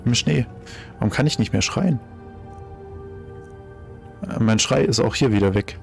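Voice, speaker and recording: A man's voice: mid-range voice, a little slow, vocal fry, faint music behind. A German man giving casual let's play commentary, chatty and thinking aloud, exclaiming over loot as he finds it.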